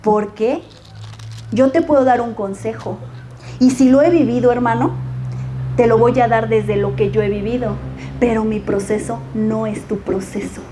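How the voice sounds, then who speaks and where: High-voiced woman preaching a sermon. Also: steady tone, moderate pace, warm tone, slight background noise. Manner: reads verses aloud, then comments, addressing the listener as brother. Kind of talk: sermon with Bible reading.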